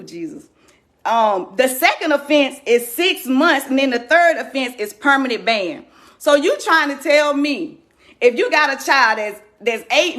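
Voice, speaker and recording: Fired-up woman with a high, bright voice. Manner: indignant, emphatic, talks straight to viewers. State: shaking with anger. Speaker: community activist addressing followers. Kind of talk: impassioned direct-to-camera rant.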